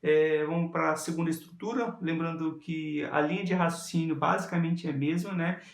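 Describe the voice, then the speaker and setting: A man's voice: on the high side, steady tone, moderate pace, creaky. A man with a Brazilian Portuguese accent teaching keyboard in a casual live lesson, explaining as he plays and often checking in with the listener. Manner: explains while playing, many tag questions. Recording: roomy sound with loud keyboard music. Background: keyboard playing.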